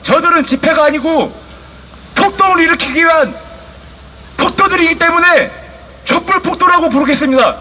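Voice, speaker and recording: A man's voice: very high-pitched, moderate pace, long pauses, bright, forceful tone. A man giving an emphatic, aggrieved protest speech as an activist, delivered in short declamatory phrases. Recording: faint outdoor street noise.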